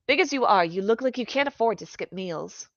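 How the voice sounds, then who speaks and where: A woman voicing a brisk, kind and stubborn young noble girl, talking in a firm, proper way. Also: medium pitch, lively intonation, fairly bright tone, no echo, voice pushed up. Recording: dry, dull lo-fi recording.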